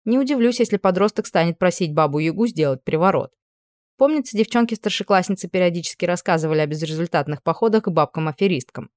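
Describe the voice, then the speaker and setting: A woman's voice: fairly low pitch, lively intonation, quick pace, darkish tone, no echo. A woman reading a first-person story aloud in a dry, ironic way. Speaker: audiobook narrator. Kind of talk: scripted narration.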